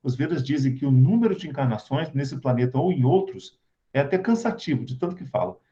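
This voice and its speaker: Mellow-voiced man giving a spiritual talk. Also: mid-range voice, animated, fairly quick. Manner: conversational, addresses audience directly with rhetorical questions. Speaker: spiritual lecturer. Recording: dull lo-fi recording.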